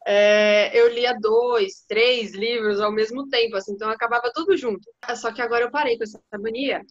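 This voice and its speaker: A woman chatting casually on a podcast, quick and self-deprecating. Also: a little high, steady tone. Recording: slightly dull, muffled sound.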